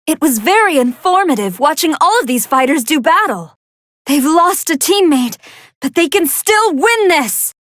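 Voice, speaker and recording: A woman voicing a polite, soft-hearted female android scientist who gives formal, earnest and expressive commentary on fights in a video game. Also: sits high, normal speed, dry recording, studio quality. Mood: composed, curious. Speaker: match commentator.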